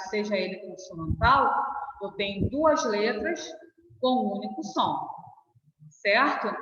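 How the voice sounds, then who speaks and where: Brazilian woman teacher, patient, slow on examples; distant mic, roomy, muffled. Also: fairly high pitch, fairly bright tone. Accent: Brazilian Portuguese. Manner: patient, stretches out example words and checks in with "tá?". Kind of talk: online classroom lesson. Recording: echoey room, voice from far off, dull lo-fi sound.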